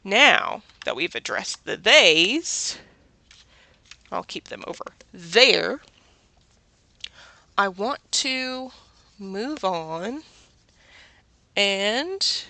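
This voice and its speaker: Slow, patient Southern woman teaching. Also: mid-range voice, lively intonation, bright, forceful tone, no room sound. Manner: slow, patient, asks questions and answers them. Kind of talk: children's literacy lesson.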